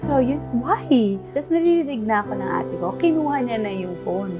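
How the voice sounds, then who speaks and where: A woman's voice: fairly high pitch, expressive, loud music behind the voice. A woman as an interview guest, emotionally recounting a personal story, switching between Tagalog and English as she goes. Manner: mixes Tagalog and English in quick run-on storytelling.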